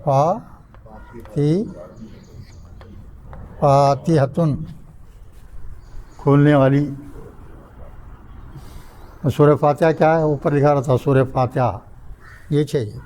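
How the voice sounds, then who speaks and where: A man's voice: fairly high pitch, dark tone, rough recording. Older man drilling a grammar class. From India. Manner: asks the class questions and drills word patterns syllable by syllable. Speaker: Arabic grammar teacher. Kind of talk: classroom lecture. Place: mosque classroom.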